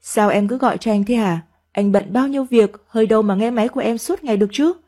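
A woman's voice: fairly high pitch, fast talker, dark tone, natural voice. A woman voicing a tired, irritable married man who wants to end an affair, in a read-aloud story. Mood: irritated. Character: married man, weary, evasive lover.

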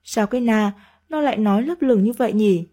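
A woman voicing a meek young wife and mother who speaks softly and politely. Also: medium pitch, fairly quick, natural voice. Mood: gentle. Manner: soft, polite and submissive.

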